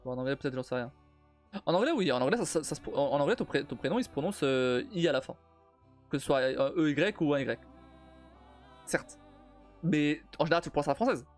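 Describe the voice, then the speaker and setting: A man's voice: a little high, animated, quick pace, long pauses, soft background music. A man streaming live in casual chat, chatty and often repeating words while searching for them.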